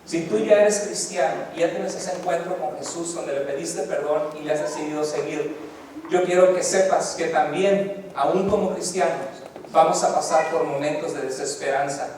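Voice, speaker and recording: A man's voice: fairly high pitch, a little mellow. A man pastor preaching a fervent Sunday sermon, building emphasis through repeated phrases, in a church sanctuary. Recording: echoey church hall, distant mic, faint noise.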